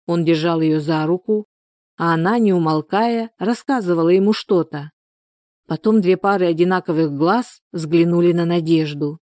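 A woman calmly narrating a story as a storybook reader. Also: on the low side, moderate pace, no echo, studio quality. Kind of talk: storybook reading.

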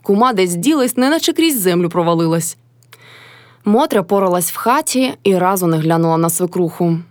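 A woman reading a classic novel aloud as audiobook narrator, with measured storytelling. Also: fairly low pitch, animated, darkish tone, no echo, clean studio sound.

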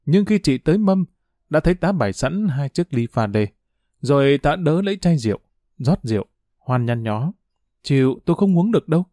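A man reads a dramatic story aloud with lively, expressive intonation. His tone is mellow and warm. The sound is dry and close, with no room echo. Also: fairly high pitch, normal speed. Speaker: narrator. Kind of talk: dramatic audiobook narration.

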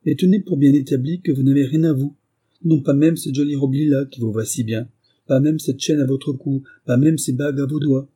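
A man's voice: on the high side, mellow, slightly rough, pitched above the performer's own voice. A man reading a curt, condescending husband. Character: stern, sarcastic husband, a titled gentleman.

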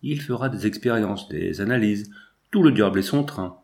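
A man voicing a shrewd, persuasive man in an audiobook, speaking in a measured, calculating way. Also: fairly low pitch, vocal fry, a little mellow.

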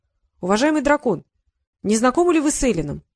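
A woman's voice: high voice, sing-song, a little fast, darkish tone, no echo, pitched above the performer's own voice, heavily acted. Woman reader doing a polite, earnest boy wizard, dry close sound. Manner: courteous and earnest. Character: polite, earnest young male apprentice wizard.

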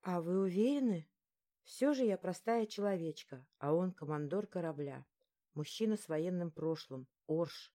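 A woman voicing a shy, eager young human woman in an audiobook, asking soft, hesitant questions. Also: lowish voice, animated, normal speed, close to an everyday voice. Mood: earnest. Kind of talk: audiobook narration.

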